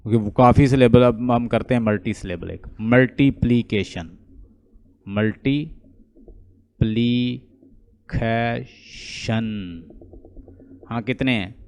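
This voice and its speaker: Pakistani guy teaching english online, mellow low tone, keeps quizzing students. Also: steady tone, a little fast, hardly any pauses. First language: Urdu. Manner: explanatory, asks students questions and repeats words. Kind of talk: online lecture mixing Urdu and English. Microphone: online class call.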